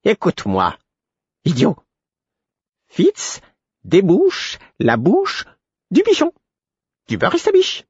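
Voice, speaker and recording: Shrill fluting jester. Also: male voice, wildly swooping pitch, drawn-out words, no room sound, lo-fi sound, heavily acted. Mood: irritated. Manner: sing-song, insistent riddling chant. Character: strange pale male jester, shrill and fluting.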